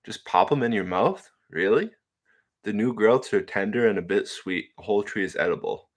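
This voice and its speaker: This early-twenties man runs a relaxed solo livestream, reading out chat and meandering with many fillers and repeated laughs. He speaks at normal speed in an expressive voice on the low side.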